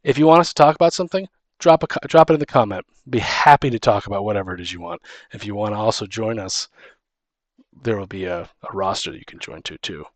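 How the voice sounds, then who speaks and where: Talking quickly in a lowish voice, this podcast host and dungeon master rambles through advice in a casual tabletop gaming chat, often starting his phrases over. There's no echo on the recording.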